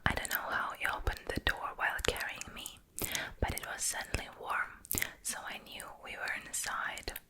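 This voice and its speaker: In this ASMR role-play, a woman whispers a novel aloud slowly and gently without voicing, and the close microphone travels from one ear to the other.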